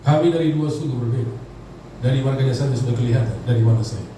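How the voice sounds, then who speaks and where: A man's voice: mid-range voice, fast. A pastor in his fifties from Indonesia, preaching a sermon with humor and calling on the congregation to answer him. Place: large church hall. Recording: echoey hall, distant mic, background noise.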